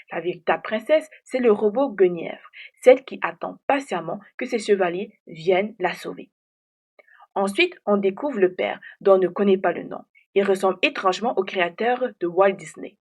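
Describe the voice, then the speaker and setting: A woman video essayist giving a scripted analysis of an animated series, in a slow, theatrical storytelling manner. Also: mid-range voice, husky.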